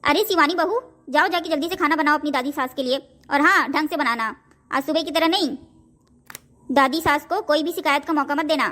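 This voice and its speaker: A woman's voice: high voice, fairly quick, pushed and bright. A flustered cartoon mother-in-law. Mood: bossy. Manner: nervous, deferential to elder, bossy to younger. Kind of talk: cartoon voice acting.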